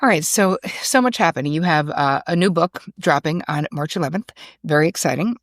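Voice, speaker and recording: Low-voiced gushing woman host. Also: brisk, no room sound, studio quality. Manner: gushing, animated, with laughs and fillers. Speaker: podcast host. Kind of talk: effusive interview chat.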